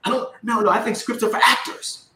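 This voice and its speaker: A man's voice: very high-pitched, fairly even intonation, brisk, pushed and bright. A middle-aged man giving a motivational sales talk to a live audience, emphatic and drawing call-and-response from the crowd. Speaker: sales coach and speaker. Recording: echoey room.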